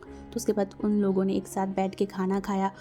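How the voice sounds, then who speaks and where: A woman's voice: medium pitch, monotone, moderate pace, warm tone. Chatty woman reading fan fiction. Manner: chatty, mixes English words into narration. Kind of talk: casual story reading. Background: faint music.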